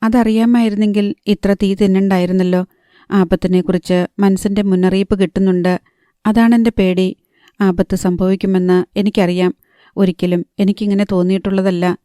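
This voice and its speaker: A woman's voice: medium pitch, flat delivery, moderate pace, mellow, no echo, studio quality, natural voice. A woman reading a young woman in love, anxious and pleading, in an audiobook. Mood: fearful. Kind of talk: audiobook narration.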